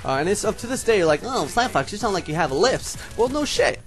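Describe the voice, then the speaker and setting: Over soft background music, a young man from Puerto Rico speaks in a high, sing-song, brisk voice. Spanish is his first language, and he has a Puerto Rican accent and a slight lisp as he rambles casually to his viewers, calling them homies, in a vlog monologue.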